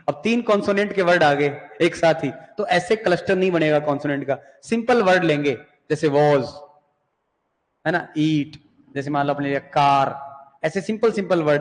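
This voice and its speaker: A male English teacher lecturing a class. He asks and answers his own questions, repeats key terms, and reads English terms slowly before explaining them in Hindi. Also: on the high side, in a large hall.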